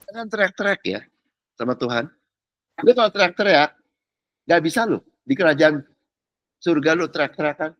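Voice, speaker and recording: A man's voice: on the high side, normal speed, long pauses, dry recording, lo-fi sound. A man giving a casual, slangy sermon as pastor, often checking that his listeners follow. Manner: animated, slangy, keeps asking "ngerti nggak?".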